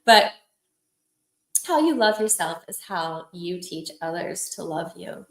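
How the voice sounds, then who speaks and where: A woman's voice: lowish voice, animated, slow pace, a bit bright. A woman hosting a support livestream, talking casually and affectionately, telling personal stories and encouraging her viewers. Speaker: host of a lupus support livestream. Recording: roomy echoey room.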